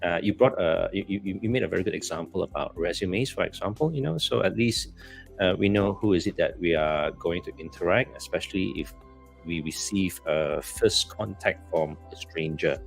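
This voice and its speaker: A man's voice: sits low, normal speed, vocal fry, faint music behind. A man with a Malaysian accent co-hosting a casual live chat, talking in a hesitant, rambling way. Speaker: co-host of a live stream.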